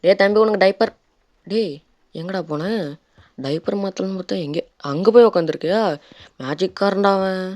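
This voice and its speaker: A man's voice: high voice, normal speed, pauses often, darkish tone, no room sound. A Tamil man doing casual let's-play commentary, chatting and playfully scolding a baby in the game. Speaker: gaming YouTuber.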